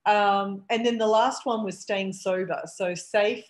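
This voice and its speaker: A woman's voice: mid-range voice, fairly even intonation, unhurried. A middle-aged woman, a treatment center owner, talking candidly and reflectively on a video call. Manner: candid and reflective, with frequent restarts and "um"s. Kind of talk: casual video call conversation.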